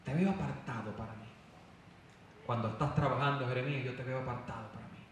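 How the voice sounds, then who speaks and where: A man's voice: medium pitch, fast talker. Man preaching fired up, big echoey hall, sounds far from the mic. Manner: fervent, rising to loud emphatic calls. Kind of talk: sermon.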